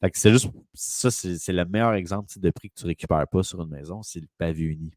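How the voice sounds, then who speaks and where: A man's voice: low voice, fast, a little mellow, dry recording, studio quality. A man with a Quebec French accent, a real estate broker telling a long rambling story in casual conversation.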